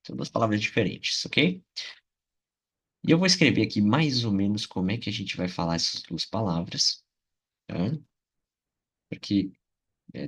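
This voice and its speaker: A man's voice: lowish voice, vocal fry, husky. A man from Brazil teaching an English video lesson, patiently repeating words and often checking in with his viewers.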